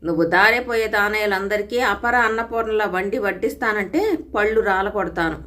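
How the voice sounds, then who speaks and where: Woman doing a gruff bullying husband. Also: medium pitch, normal speed, lightly acted. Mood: harsh, angry. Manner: harsh, loud and scolding. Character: gruff domineering young husband, a coconut trader.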